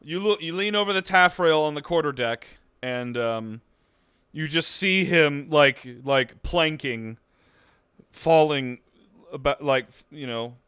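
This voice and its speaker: A man's voice: on the high side, a little slow, a bit bright, clear, resonant tone, no room sound, studio quality. A man running a tabletop game over a streamed call, narrating with loose, profane banter and plenty of fillers. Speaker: game master.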